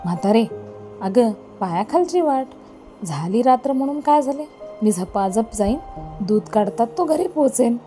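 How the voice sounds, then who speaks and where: A woman reading an audiobook voices a proud, fearless village landlord, with soft music behind. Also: on the high side, animated, moderate pace, voice pushed up, lightly acted. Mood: dismissive. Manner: dismissive, then pleading.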